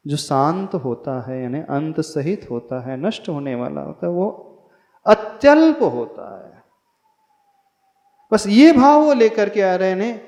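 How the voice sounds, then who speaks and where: In an echoey hall captured with dull, lo-fi sound, a monk's high, darkish voice leads a spiritual discourse. Teaching a Jain hymn, he chants verses and corrects his listeners' pronunciation as they learn the recitation.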